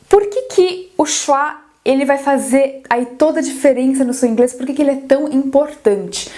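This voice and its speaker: A woman's voice: high voice, darkish tone. A woman teaching English pronunciation in an online lesson, explaining step by step and checking in with a frequent "ok?". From Brazil.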